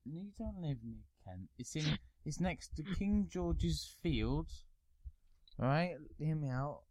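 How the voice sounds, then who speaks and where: A man's voice: on the high side, lively intonation, slow pace, darkish tone, dry recording. A man co-hosting a casual podcast, rambling, swearing and slipping into mock-announcer asides. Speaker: podcast co-host. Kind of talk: casual banter with a friend.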